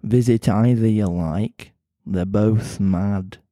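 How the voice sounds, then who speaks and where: Sly grinning cat, Mancunian accent, low drawl, slow, man doing the voice. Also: dark tone, no echo, studio quality.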